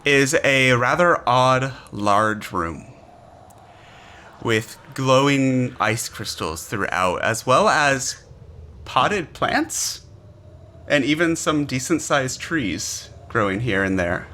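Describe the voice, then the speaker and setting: A man narrating a tabletop game as game master, with halting, deliberate phrasing. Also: medium pitch, animated, sharp tone. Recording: faint background noise.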